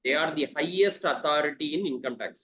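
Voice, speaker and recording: A man's voice: fairly high pitch, fast talker, pushed and bright. A man with a South Indian Tamil accent teaching an exam class, mixing Tamil and English, repeating key terms and asking checking questions. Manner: switches between English and Tamil. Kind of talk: interactive exam coaching lesson. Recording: dull, lo-fi online class audio.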